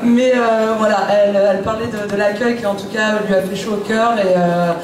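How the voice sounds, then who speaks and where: A man's voice: high voice, fairly even intonation, normal speed, noisy background. A man giving an informal post-match address and relaying words to the audience. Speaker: club speaker and translator. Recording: very echoey hall, distant mic, crowd.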